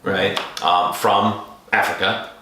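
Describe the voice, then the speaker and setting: A man's voice: low-pitched, little pitch movement, slow pace, bright, forceful tone. A man hosting an interview podcast, chatting casually and rambling with many fillers and restarts. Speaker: podcast host. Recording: very echoey room.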